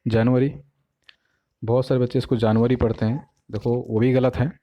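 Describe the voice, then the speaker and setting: A man with an Indian accent teaching English pronunciation in a casual classroom style, mixing Hindi and English, asking "ठीक है?" and sounding words out slowly by syllable. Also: medium pitch, flat delivery, dull audio.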